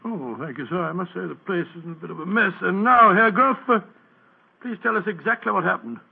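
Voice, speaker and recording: A bluff, good-natured doctor with a high, gravelly voice that sounds husky. He chuckles easily and speaks in a hearty way. The sound is narrow and tinny, like an old radio broadcast. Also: a little fast, heavily acted. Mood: genial. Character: Doctor Watson, bumbling, genial British doctor.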